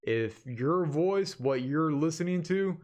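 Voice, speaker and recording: A man with a somewhat high, slightly mellow voice and lively intonation speaks slowly as he hosts an online channel. In a casual webcam update, he talks informally and directly to viewers, repeatedly calling them "guys." He's recording in a home office on a desktop USB condenser microphone.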